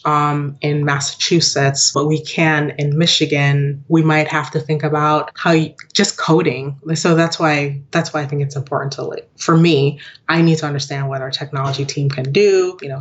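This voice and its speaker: A woman in her thirties with a deep voice, born in Jamaica and raised in western New York, chats as a guest about her work as a digital product owner. It's a casual interview with lo-fi sound; she's chatty, laughs often, and acts out what others say in their voices.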